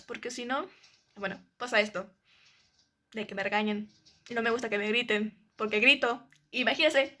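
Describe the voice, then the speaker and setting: A young woman with a Mexican accent recounts an anecdote in a casual monologue. Her voice sits somewhat high, and she talks in a chatty, meandering way, leaning on fillers and acting out what others said. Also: a bit bright. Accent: Mexican Spanish. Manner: chatty, leans on fillers, acts out quotes. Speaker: student.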